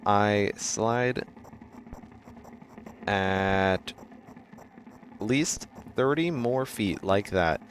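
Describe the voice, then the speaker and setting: A man with a lowish voice reads a game's narration aloud on stream, slowly and haltingly. He often trips over a word and corrects himself. At the dramatic lines he breaks into loud shouts, over a faint hum of background noise. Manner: halting reading with frequent restarts and self-corrections. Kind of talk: casual reading of game narration on stream.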